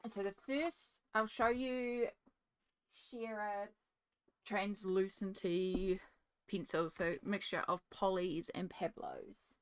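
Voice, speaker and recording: A woman's voice: mid-range voice, fairly even intonation, slow, clear, resonant tone, dry recording. A woman hosting an art video, chatting casually through each step as she colours at her desk. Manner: chatty, narrates each step while working; talks one-handed with a cat in her lap. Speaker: art channel host. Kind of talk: casual narration while colouring. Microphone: desk microphone.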